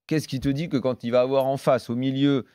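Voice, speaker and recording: Male football pundit, mid-pitched, emphatic and punchy, debating conversationally in a dry-sounding recording. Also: fairly even intonation, a little fast, mellow, clear, resonant tone, dry recording. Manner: emphatic, punchy, rhetorical questions.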